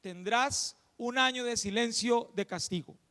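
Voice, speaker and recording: A man voicing a calm, wise male lion king in a spoken fable, who speaks in a measured, grave way. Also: extremely high pitch, long reverb tail, exaggerated voice.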